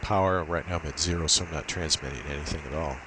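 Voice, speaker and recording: An amateur radio demonstrator with an extremely low voice talks fast through an unscripted, methodical walkthrough of a setup, step by step. Steady hiss and noise lie behind his speech.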